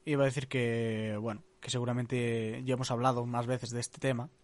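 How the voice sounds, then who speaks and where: A man, co-hosting a podcast, speaking in a measured way with hesitant fillers. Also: medium pitch, little pitch movement. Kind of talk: casual chat.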